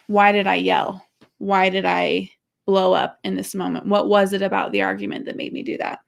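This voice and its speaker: Young woman course host, gravelly, mid pitch, casual and candid, tells personal stories. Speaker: podcast host and marriage course teacher. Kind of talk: casual teaching talk.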